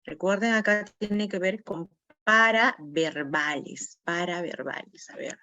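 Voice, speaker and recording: A woman's voice: lowish voice, takes it slowly, sharp tone, no room sound, highs cut off. A woman teaching an online class for teachers, going over quiz answers, naming students and repeating key words. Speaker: teacher training instructor.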